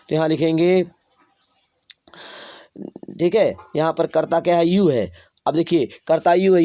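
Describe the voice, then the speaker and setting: A male teacher giving a grammar lesson in Hindi, dictating example sentences slowly. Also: fairly high pitch, mellow, no room sound, clean studio sound. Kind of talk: classroom lesson.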